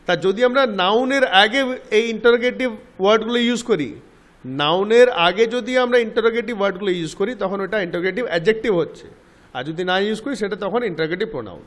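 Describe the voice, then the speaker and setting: A man teaching English grammar. He reads example sentences slowly, explains them quickly and often checks that the class understands. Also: sits high, expressive, a bit bright. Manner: asks the listener check questions.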